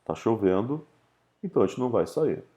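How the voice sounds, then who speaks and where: A man with a Brazilian Portuguese accent teaching English grammar, explaining in Portuguese, reading English examples slowly and clearly, and checking in with "tá?" after each point. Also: lowish voice, very animated, dark tone. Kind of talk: recorded grammar lesson.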